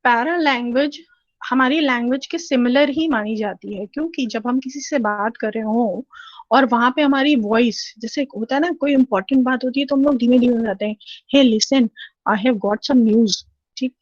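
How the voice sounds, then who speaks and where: Woman lecturer, slightly high voice, dry and dull lo-fi recording. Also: moderate pace, no echo. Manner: explanatory, frequent 'theek hai' check-ins. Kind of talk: recorded lecture over slides.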